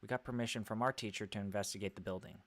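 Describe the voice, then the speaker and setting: A man's voice: lowish voice, fairly even intonation, rapid-fire, fairly bright tone. A man playing through a visual novel and reading every character's lines aloud, switching between put-on voices and sometimes hammy accents. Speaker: let's play host reading game dialogue aloud.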